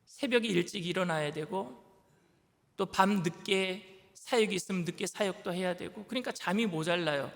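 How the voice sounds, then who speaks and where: A man's voice: sits high, moderate pace, creaky, fairly bright tone. A male pastor giving a conversational sermon, now and then acting out the disciples' anxious complaints. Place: church sanctuary. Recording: church hall reverb.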